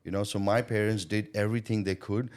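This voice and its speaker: Deep-voiced earnest male interview guest. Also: fairly even intonation, fairly quick, a little mellow. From born in Thailand, schooled in India. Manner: earnest, reflective, frequent "right?" and "you know". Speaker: guest, sales coach and business owner. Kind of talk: interview conversation.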